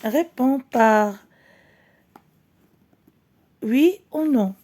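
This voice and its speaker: A woman teacher with a Moroccan accent giving a reading lesson, reading slowly and clearly, then explaining quickly. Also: high-pitched, lively intonation, dark tone. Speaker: primary school French teacher.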